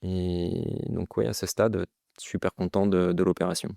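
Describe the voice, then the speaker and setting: A French man, a startup founder, talking casually as a guest in an interview, pausing often with fillers and restarts. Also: deep voice, flat delivery, gravelly, mellow, no room sound, studio quality. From France. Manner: hesitant, many fillers and restarts. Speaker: guest entrepreneur.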